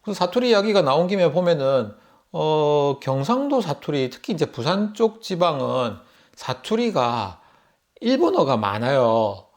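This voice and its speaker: Speaking in a fairly high, sing-song voice that's a little slow, this middle-aged man from Busan, South Korea, has a Gyeongsang accent. As a YouTube vlogger he chats to camera telling a casual story, laughing often.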